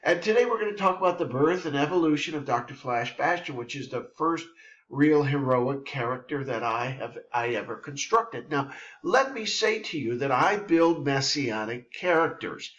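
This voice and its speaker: A middle-aged man hosts a reflective monologue at a middle pitch, speaking in long expansive runs that pile verb on verb. The recording sounds somewhat dull and lo-fi. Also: lively intonation, normal speed, fairly bright tone. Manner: expansive, piles up verbs. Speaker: host.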